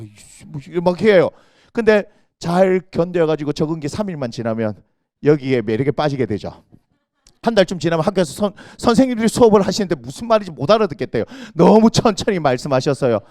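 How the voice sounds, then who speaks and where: A middle-aged senior pastor preaches at a rapid clip in a high, bright register. He tells stories with animated flair, slipping into quoted voices and sudden shouts. His voice comes through a close church microphone with a dry sound. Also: no echo. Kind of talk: lively sermon. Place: church sanctuary.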